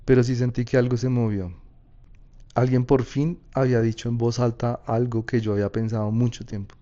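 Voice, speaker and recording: A man with a Colombian Paisa accent telling a personal story in a casual, slangy, lively way. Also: mid-range voice, brisk, lo-fi sound. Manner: casual, slangy, animated retelling.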